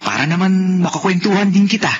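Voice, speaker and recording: An actor playing an eager, gentle young Filipino man in an old-style radio drama. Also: sits high, fairly quick, dull audio, lightly acted. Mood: eager, shy. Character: eager, gentle young man Warren, sickly rich son.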